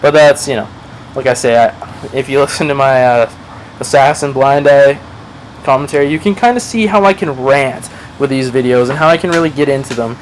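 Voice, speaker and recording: A man's voice: medium pitch, fairly quick, a little hiss or hum, rough recording. A man giving casual gameplay commentary over a match, rambling, swearing freely and playing himself down. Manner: rambling, profane, self-deprecating. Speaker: gaming commentator.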